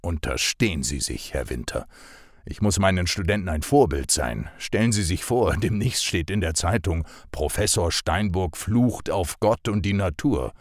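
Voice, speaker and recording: Man doing a gruff, low-grumbling old professor. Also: animated, normal speed, no echo, studio quality. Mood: mock stern. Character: gruff older male professor, stubborn, dry humor.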